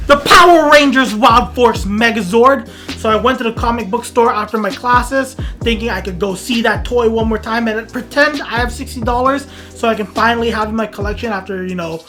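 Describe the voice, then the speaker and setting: A woman in her twenties telling a comic story on her vlog, self-mocking and dramatic, dropping to mumbles and rising to loud outbursts. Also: fairly high pitch. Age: 20s. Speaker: vlogger.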